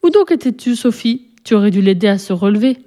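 A woman reading aloud and voicing a gentle but firm mother in a storybook, measured and gently admonishing. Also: mid-range voice, animated, lightly acted. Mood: questioning.

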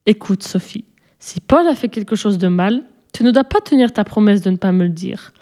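A woman reading aloud and voicing a gentle but firm mother in a storybook, measured and gently admonishing. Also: medium pitch, natural voice. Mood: questioning.

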